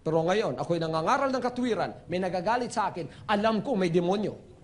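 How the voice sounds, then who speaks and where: A male pastor with a Filipino accent preaching a fervent sermon, moving between hushed asides and shouted exclamations. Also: sits high, lively intonation, quick pace. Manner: switches between Tagalog and English.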